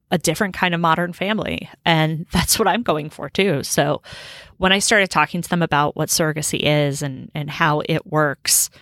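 A woman's voice: sits low, fairly bright tone, no echo, studio quality. A woman in her thirties chatting casually as a podcast host, bubbly, slangy and rambling, recording indoors on a boat. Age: 30s. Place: indoors in a room on a river boat.

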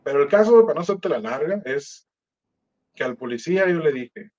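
A Mexican man tells his own story in a loose, slangy way and jumps into other people's voices as he goes. His voice sits a little high for a man. The recording sounds dull and muffled. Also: normal speed. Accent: Mexican Spanish. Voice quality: slangy, animated, acts out quoted voices. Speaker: musician telling his story. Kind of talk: casual storytelling.

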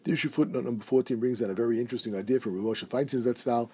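Fast-talking husky man teaching halacha. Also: mid-range voice, a little mellow. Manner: reads Hebrew and Aramaic quotes, then explains in English. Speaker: Torah teacher. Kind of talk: halacha class, reading and translating texts.

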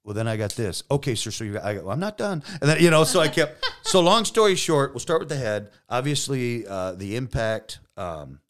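Deep and loud, this podcast guest's voice is sing-song and a little fast, with hardly any pauses. The injured police detective tells casual, profane, joking stories in the studio, often voicing other people's lines.

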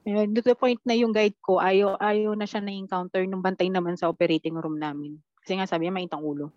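A woman telling her experiences as a podcast guest, quoting her own dialogue in a blunt, animated way. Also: mid-range voice, brisk, dry recording, highs cut off. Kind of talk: casual storytelling chat.

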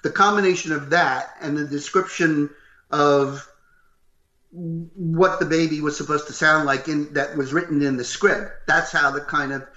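Older guy, gruff and loud, bright edgy tone, tells stories with lots of life, slightly dull roomy recording. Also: on the high side, a little slow. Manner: animated, acts out what others said. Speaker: voice actor guest. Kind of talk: interview storytelling.

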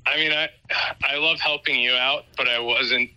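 A man's voice: medium pitch, fairly even intonation, moderate pace, pushed and bright, smooth. A man on a phone call played over speaker, chatting casually and making playful jokes. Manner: playful, joking. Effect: heard over a phone on speaker. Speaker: host's husband called on the phone. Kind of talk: casual chat.

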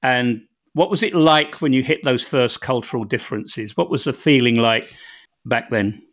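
An English-accented man hosts a conversation and asks curious, probing questions. He sometimes pokes fun at himself. His voice sits at an ordinary middle pitch. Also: moderate pace, a bit bright. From England. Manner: inquisitive, self-deprecating. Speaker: podcast host. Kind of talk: interview conversation.

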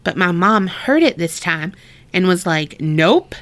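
A woman's voice: on the low side, lively intonation, a little slow, fairly bright tone. A woman co-hosting a podcast, chatting casually, reading a listener's story aloud, laughing often and swearing freely.

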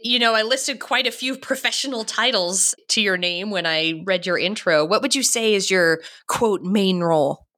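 A woman's voice: mid-range voice, moderate pace, hardly any pauses, a bit bright. A woman hosting a podcast interview, friendly and asking prepared questions. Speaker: podcast host. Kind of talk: interview host.

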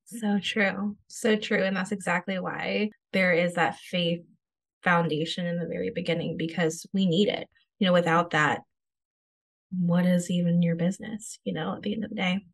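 A woman with a somewhat low voice hosts a faith-based coaching interview. She speaks in an affirming, emotional way, close to tears. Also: steady tone, moderate pace. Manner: warm-hearted, emotional, affirming. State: tearful. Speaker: business coach and interview host.

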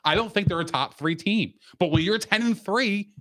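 A man's voice: sits high, moderate pace, a bit bright. A man casually but insistently debating sports as a podcast co-host, repeating points for emphasis with slangy, profane language.

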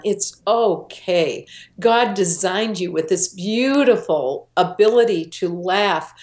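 A woman's voice: medium pitch, a little mellow. A middle-aged woman, a guest in an interview, telling a personal story earnestly and voicing the people she quotes. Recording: roomy echo.

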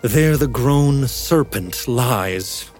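A man's voice: medium pitch, lively intonation, drawn-out words, a little mellow, faint music behind. A man playing a guilt-haunted king, declaiming Shakespearean verse in swings between terror and bravado. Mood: commanding. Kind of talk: Shakespearean acting.

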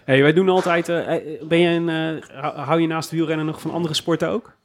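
A man's voice: on the high side, steady tone, brisk. A man hosting a casual interview podcast, feeling his way into questions with repeated phrase openings.

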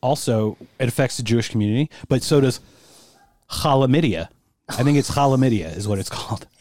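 A man's voice: mid-range voice, a little fast, darkish tone, dry recording. A man co-hosting a podcast, joking and teasing his friend in casual chat. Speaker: podcast co-host.

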